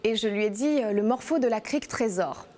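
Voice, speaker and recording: A woman's voice: a little high, brisk, mellow. Hesitant woman healer from New Caledonia. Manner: hesitant, many fillers and restarts. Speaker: energy healer and massage therapist. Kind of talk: interview guest explaining her practice.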